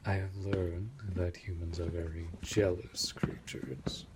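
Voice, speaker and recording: A man's low voice, with little movement in pitch, portrays a centuries-old, courteous vampire master who is possessive and protective of his manor. It's an immersive audio roleplay spoken to the listener, delivered in a measured, formal, deliberate manner; breathy, often close to whispering, and calm and polite in mood. Background noise is loud.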